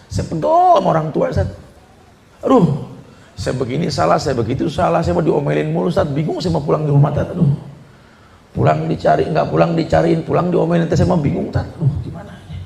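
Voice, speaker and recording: A man's voice: fairly high pitch, expressive, fast, vocal fry, a little mellow, a little hiss or hum. A man voicing a distressed young man who complains, whining and pleading, about his nagging parents. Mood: exasperated. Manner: whining, exasperated, repeatedly pleading. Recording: echoey room.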